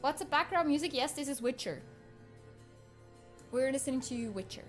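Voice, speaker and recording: A man on stream sounds female thanks to a voice changer, voicing a teasing, sarcastic AI avatar who casually chats with viewers. His delivery is very high-pitched, animated and a bit bright at a moderate pace, with a faint game soundtrack behind it.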